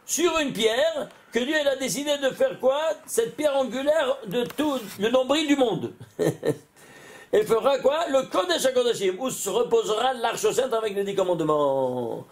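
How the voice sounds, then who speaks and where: A man, a rabbi, giving an animated Torah lesson, often exclaiming and putting questions to his listeners. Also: very high voice, a little slow.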